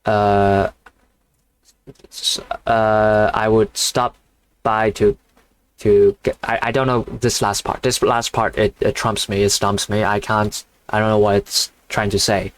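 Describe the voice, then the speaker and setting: A man's voice: on the low side, flat delivery, takes it slowly, smooth. A man reading a novel aloud on his channel, stumbling over words and breaking off for casual commentary full of offhand swearing. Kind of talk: casual read-along with commentary.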